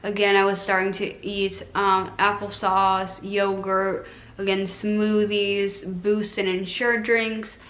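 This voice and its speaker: A woman's voice: mid-range voice, little pitch movement, slow, a bit bright. Casual woman vlogger in an echoey room. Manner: conversational, informal recounting with quoted asides. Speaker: vlogger recounting own surgery recovery. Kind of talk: casual chat to camera. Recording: roomy, echoing room sound.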